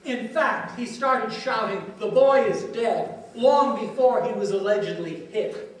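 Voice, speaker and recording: A man plays a confident analyst who takes apart news footage shot by shot and brushes off doubts. His voice sits unusually high, and he stumbles over small fillers. The stage is picked up from a distance, in a booming, echoing hall. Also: a little slow. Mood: assured. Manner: explains footage step by step with frequent uh fillers. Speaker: stage actor in a multimedia play. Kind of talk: stage play dialogue. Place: theatre stage. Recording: echoey stage recorded from far off.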